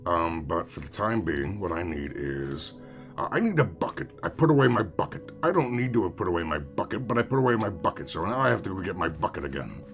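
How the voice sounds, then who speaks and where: Rambling gravelly-voiced male streamer. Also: low voice, lively intonation, a little fast, a bit bright, soft background music. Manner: rambling, self-mocking, swears casually, answers chat. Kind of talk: casual live-stream chat while gaming.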